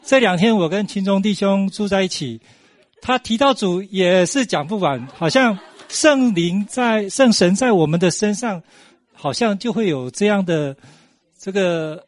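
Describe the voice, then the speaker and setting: A man's voice: high-pitched, expressive, measured pace, dry recording. Man hosting a church meeting, dry sound. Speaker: meeting host. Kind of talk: casual moderating.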